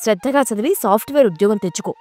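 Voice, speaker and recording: A woman voicing a nagging, quick-tempered middle-aged mother in a spoken story, scolding in rapid complaints. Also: a little high, lively intonation, a little mellow, natural voice.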